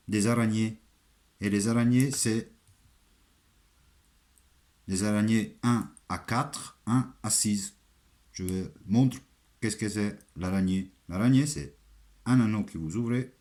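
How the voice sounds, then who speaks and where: A man from Italy with a clear Italian accent in his French, talking in a fairly low voice. He takes his time, explaining each step of a craft in simple, halting phrases and repeating them as he demonstrates. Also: mellow. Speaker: armourer giving a craft tutorial.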